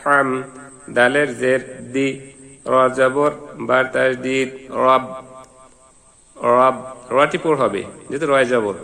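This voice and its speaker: A man teaches Quran reading, naming each letter and its vowel mark before chanting the whole verse. He speaks very slowly in a bright, forceful tone. His voice carries a long reverb, as if recorded in a hall. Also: medium pitch, fairly even intonation, gravelly. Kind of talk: slow syllable-by-syllable recitation lesson.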